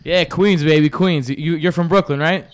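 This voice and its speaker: A man's voice: a little high, steady tone, moderate pace. A man with a New York accent, energetically hosting a sports podcast. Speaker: podcast host.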